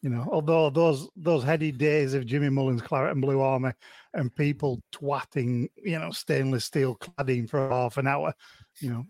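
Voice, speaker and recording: A man's voice: mid-range voice, steady tone, normal speed, a little mellow, no room sound. A man on a football podcast panel, talking bluntly and sarcastically with some swearing. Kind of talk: casual football chat.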